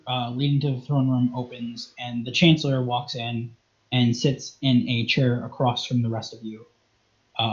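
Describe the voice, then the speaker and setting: Man narrating a tabletop game, muffled. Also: mid-range voice. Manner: halting narration with many fillers. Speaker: game master. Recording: muffled lo-fi audio.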